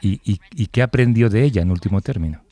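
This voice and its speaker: A man with a Spain Spanish accent hosting a radio interview, asking questions in a measured way with many "eh" fillers and repeated words. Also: on the low side, animated, dark tone, no room sound. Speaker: radio host.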